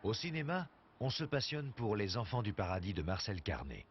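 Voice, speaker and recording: A man's voice: lowish voice, big pitch swings, normal speed, a little hiss or hum. A man narrating a documentary from a script. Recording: dull soundtrack with faint music.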